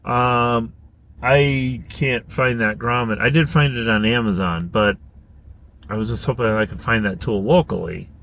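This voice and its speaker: Slow-talking man musing while driving. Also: medium pitch, fairly even intonation, a bit bright, slight background noise. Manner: rambling, thinking aloud with many fillers. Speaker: podcast host. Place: inside a car.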